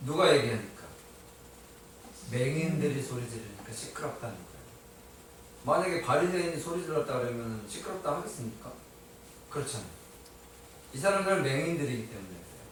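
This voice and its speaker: A pastor with a mid-range voice delivers a sermon in a church sanctuary, posing questions to the congregation and then answering them himself, lightly humorous throughout. The distant mic captures an echoey hall and a little hiss or hum.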